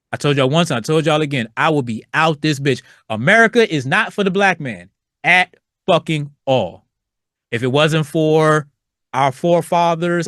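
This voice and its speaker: A man's voice: fairly high pitch, fairly bright tone, dry recording, clean studio sound. Profane laid-back male podcast host. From Virginia. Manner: loose, profane, slangy, acts out quoted voices. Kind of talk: solo podcast rant.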